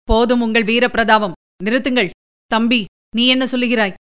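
Woman reading a stern older commander guy, bossy, voice pulled a little lower, smooth and clear. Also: fairly even intonation, moderate pace, fairly bright tone, natural voice. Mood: commanding. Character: stern older male fort commander, authoritative.

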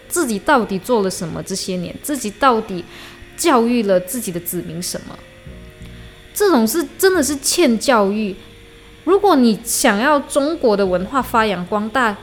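A woman hosting a solo podcast, talking in a heated, blunt, profane way and slipping in English slang. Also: medium pitch. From Malaysia. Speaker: podcast host. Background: faint lo-fi hip-hop beat.

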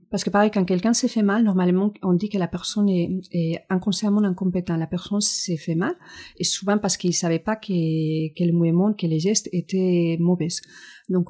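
A woman's voice: on the low side, mellow, breathy edge. A woman with a Spanish accent, a physiotherapist explaining her work in an interview with frequent fillers and restarts. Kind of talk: interview answers.

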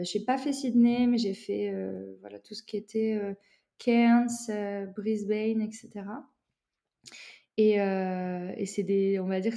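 A young French woman chats through her story with a mellow, relaxed tone. She rambles a little, restarting sentences and filling pauses as she goes. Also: mid-range voice, vocal fry. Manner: rambling, many fillers and restarts. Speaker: guest. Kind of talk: casual conversational interview.

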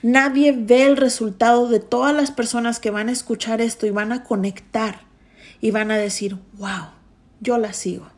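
A woman's voice: on the high side, steady tone, moderate pace, a little mellow. A young adult woman hosting a motivational podcast, talking intensely and emphatically. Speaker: podcast host.

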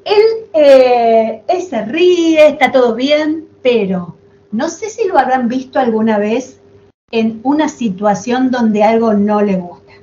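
A woman's voice: on the high side, takes it slowly, highs cut off, slight background noise. A woman hosting a casual podcast chat, telling stories with affectionate asides. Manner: chatty, affectionate, animated storytelling with asides. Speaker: podcast host.

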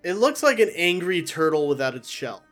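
Give me a man running a tabletop game, casual and halting, a bit high, with faint music behind. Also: big pitch swings, fairly bright tone. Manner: casual, halting descriptions with fillers. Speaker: dungeon master.

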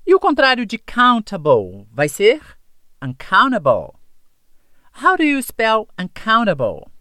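A woman's voice: mid-range voice, a bit bright, dry recording, studio quality. A woman hosting a podcast language lesson, speaking carefully and spelling words out letter by letter. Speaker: English teacher, podcast host.

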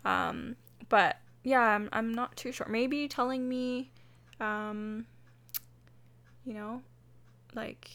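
A woman's voice: fairly high pitch, takes it slowly, long pauses, fairly bright tone. A woman co-hosting a casual podcast, hesitant with many fillers and frequent giggles. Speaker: podcast co-host. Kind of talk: casual chat.

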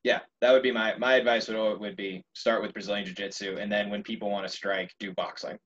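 A young man telling a story in casual conversation, animated and laughing often. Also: on the low side, fairly quick, muffled recording.

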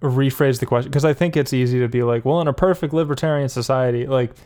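A man with a medium-pitched, mellow voice speaks fast as co-host of a casual podcast about politics. He rambles through his points, filling them with fillers and frequent laughter.

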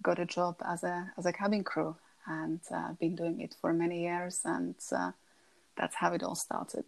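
Low, even-voiced Slovak woman. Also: moderate pace, creaky. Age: 30s. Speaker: podcast guest. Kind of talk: conversational interview.

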